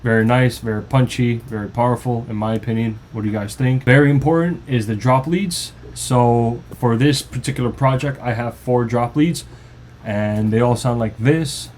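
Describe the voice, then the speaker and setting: A man's voice: medium pitch, fairly even intonation, normal speed, a little mellow, a little hiss or hum. A man, a music producer, giving a loose, informal tutorial walkthrough of his own song. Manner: loose, informal explaining with restarts. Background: faint music playing.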